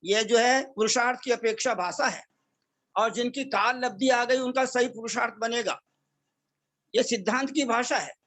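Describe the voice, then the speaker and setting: Male teacher, high voice, slow measured verse chanting, careful about vowel lengths, drops in English phrases. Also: fairly bright tone. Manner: mixes English phrases into Hindi. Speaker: scripture recitation teacher. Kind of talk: religious class with chanted verses.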